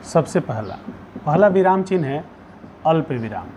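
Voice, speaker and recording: Slow-dictating male Hindi grammar teacher. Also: fairly high pitch, sing-song. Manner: dictates slowly, repeating phrases, asks pupils questions. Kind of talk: dictating a classroom lesson. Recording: dull lo-fi sound with faint background noise.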